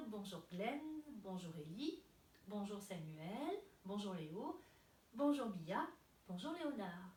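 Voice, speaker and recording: A woman teaching a preschool class remotely, greeting children by name and leading a morning wake-up rhyme in a gentle, singsong, encouraging way. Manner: gentle, singsong and encouraging, with a lively rising pitch. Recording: echoey room, distant mic, faint hiss.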